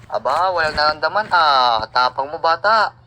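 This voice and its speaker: A man voicing a calm, matter-of-fact middle-aged male doctor in a homemade animated cartoon. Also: a little high, normal speed, a little hiss or hum, low-quality recording.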